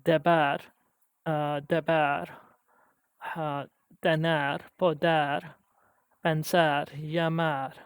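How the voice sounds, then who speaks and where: A man practicing language conjugations aloud on his own, halting and restarting often as he works through a lesson. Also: fairly high pitch, flat delivery, smooth, dry recording. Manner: halting, with frequent restarts and hesitations. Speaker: language learner. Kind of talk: self-study language practice.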